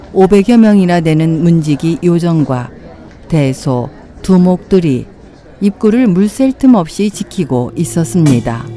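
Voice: medium pitch, dark tone. A narrator telling a scripted folk tale for an audio drama.

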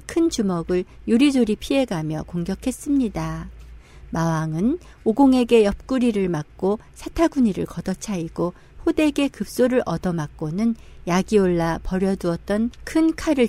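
A woman's voice: medium pitch, lively intonation, normal speed, warm tone. A woman storyteller reading a scripted children's tale as narrator.

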